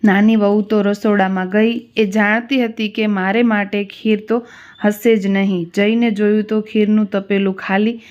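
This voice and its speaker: A woman's voice: medium pitch, measured pace. Woman narrating a devotional tale. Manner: steady, plain storytelling. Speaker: storyteller. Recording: slightly dull lo-fi recording.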